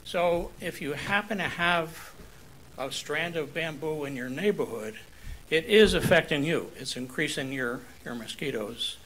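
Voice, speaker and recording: Older man, public commenter, earnest and halting, bright tone, podium mic in a council chamber. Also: on the high side, a little hiss or hum, poor audio. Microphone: podium microphone.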